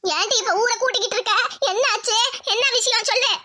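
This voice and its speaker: A woman's voice: extremely high pitch, a little fast, very noisy. A woman doing a scolding old village grandmother. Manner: scolding, nagging. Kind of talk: cartoon voice acting.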